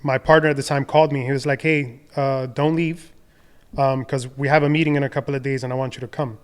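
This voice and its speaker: A young adult man from the Dominican Republic, a podcast guest telling his career story in a relaxed, rambling way with many fillers and restarts. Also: mid-range voice, quick pace. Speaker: podcast guest, designer and entrepreneur. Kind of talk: casual conversational storytelling.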